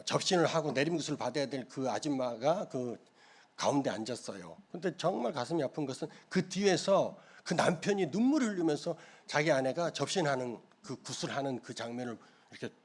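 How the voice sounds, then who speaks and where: A middle-aged pastor from South Korea delivers an emotional sermon, and his voice runs high for a man. His pitch swings widely as he tells the story and voices its people. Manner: emotional storytelling, acting out quoted dialogue.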